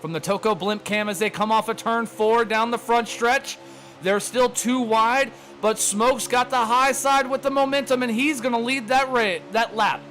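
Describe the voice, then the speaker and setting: A man calls a sim race in rapid, excited play-by-play and says he is out of breath keeping up with the action. His voice sits very high for a man. Faint music plays behind him. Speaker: race commentator. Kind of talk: play-by-play sim racing commentary.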